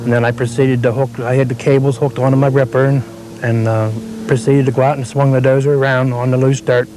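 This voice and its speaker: A man who operates heavy equipment, telling his story in a plain, halting way, heard from a worn VHS tape copy. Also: medium pitch, level tone. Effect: worn VHS tape copy with faint hiss. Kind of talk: interview answers.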